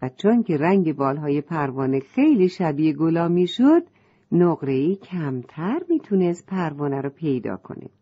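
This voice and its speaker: Breathy woman reading a children's story. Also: low-pitched, muffled recording.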